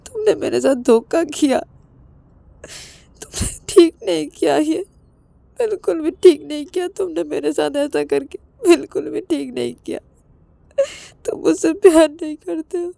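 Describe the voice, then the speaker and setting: A woman's voice: extremely high pitch, measured pace, creaky, long pauses, warm tone, no echo, voice pushed up, heavily acted. A woman voicing a frightened young man who stammers and pleads through tears. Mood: tearful pleading.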